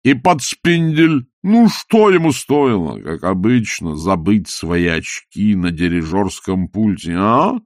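A man's voice: fairly low pitch, sing-song, slow, few pauses, no echo, clean studio sound, full character voice. Man putting on a sneering opera villain. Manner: sneering, theatrical, taunting. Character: scheming, mocking male opera villain.

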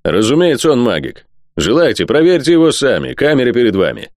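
A man's voice: medium pitch, big pitch swings, a little fast, a little mellow, no room sound, clean studio sound, pitched above the performer's own voice. A man doing a cold, scheming aristocrat. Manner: cold, polished, lecturing. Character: cold, scheming aristocrat lord, smooth and condescending.

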